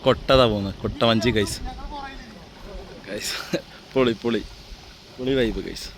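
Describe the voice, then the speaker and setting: A man's voice: fairly low pitch, steady tone, measured pace. Kerala man vlogging in Malayalam-English mix, chatter behind. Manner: Malayalam mixed with English slang; repeats exclamations and catchphrases. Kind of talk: casual excited vlog narration to viewers. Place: outdoors, in a small boat on water.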